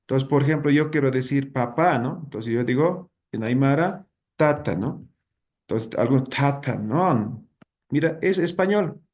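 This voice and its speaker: A man's voice: mid-range voice, lively intonation, a little slow, a little mellow. A man teaching a language class, patient, often checking in with his students.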